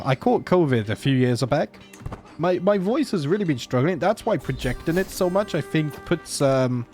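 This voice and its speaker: In a medium-pitched, slightly mellow voice, a man with a sore throat narrates a strategy game as host of a gaming channel. The let's play commentary is casual and chatty, with jokes and plenty of thinking out loud.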